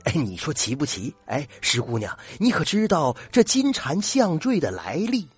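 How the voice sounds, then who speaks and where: A man's voice: a little high, wildly swooping pitch, normal speed, breathy edge, no echo, heavily acted. An older man voicing an honest, flustered young tofu maker who stammers and exclaims, in a told folk tale. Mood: eager.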